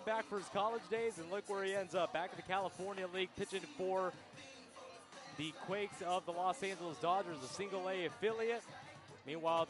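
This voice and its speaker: Male baseball commentator, high voice, live radio play-by-play, music in the background. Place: ballpark broadcast booth.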